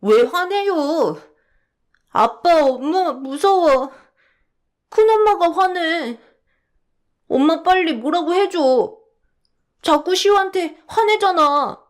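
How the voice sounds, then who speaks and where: A woman doing a slow, whimpering little boy. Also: very high voice, animated, pitched above the performer's own voice, heavily acted. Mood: scared, tearful. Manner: slow, whimpering child's pleading. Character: young boy, frightened and whiny.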